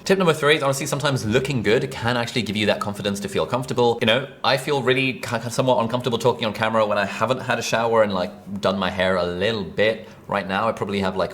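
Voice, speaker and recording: Fast-talking deep-voiced British man teaching. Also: slight background noise. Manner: relaxed, chatty, fast-talking. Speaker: online course instructor. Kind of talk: casual presenting to camera. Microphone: mic above speaker, seated at desk.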